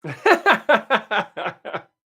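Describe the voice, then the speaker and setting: Sitting high with wildly swooping pitch, this man's voice is very slow, sharp and slightly rough. In his late fifties, he hosts a casual livestream, chatting brightly with viewers and responding to them by name.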